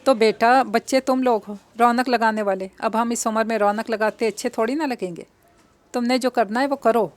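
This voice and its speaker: A woman voicing an elderly, affectionate grandmother who talks in a gentle, coaxing way. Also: fairly high pitch, fairly even intonation, close to an everyday voice.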